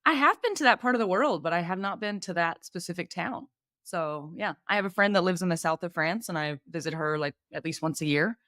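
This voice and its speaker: A woman co-hosting a podcast, chatting in a friendly, expressive way and laughing easily. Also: on the low side, brisk, no room sound, clean studio sound. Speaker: podcast co-host. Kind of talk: casual podcast chat.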